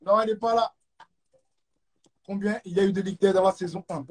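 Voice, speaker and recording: Speaking a little fast in a high voice that holds a steady tone, a man with a French accent emcees a quiz on a live stream. Hyped and full of repeated catchphrases and English outbursts, he's recorded on a phone or webcam with a bit of background noise.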